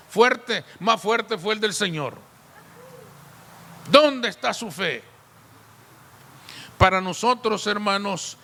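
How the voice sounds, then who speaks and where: High-voiced man preaching in a hall. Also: sharp tone. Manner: preaching with rhetorical questions and repetition. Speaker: pastor. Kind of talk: sermon. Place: church.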